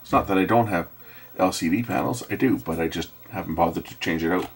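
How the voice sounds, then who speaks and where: This electronics repairer talks fast in a low voice as he hosts a repair video, thinking aloud and often muttering to himself in a casual, hands-on way in his workshop. A faint, steady noise can be heard in the background.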